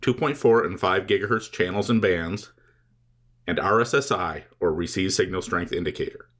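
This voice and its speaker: A man with a low, slightly bright voice reads scripted instructional narration. As a tutorial presenter, he explains things in a measured, step-by-step manner.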